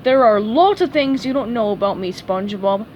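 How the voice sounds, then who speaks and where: A woman voicing a dim-witted friendly male starfish in a storybook reading, slow and hesitant. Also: fairly high pitch, lively intonation, highs cut off, slight background noise, natural voice. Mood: dopey. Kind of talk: storybook read-aloud.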